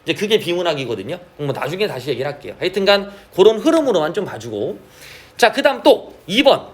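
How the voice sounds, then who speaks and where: Lively high-voiced male teacher. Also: fast. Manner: asks frequent check questions, drawls key terms. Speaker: Korean literature teacher. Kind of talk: classroom lecture.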